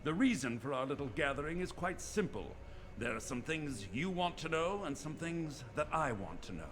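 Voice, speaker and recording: A man's voice: a little high, big pitch swings, moderate pace, a bit bright, a little hiss or hum. A suave boss villain from a video game, formal and mockingly courteous. His intonation moves widely, with faint ambience behind him. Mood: smooth menace. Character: suave, politely menacing male villain boss.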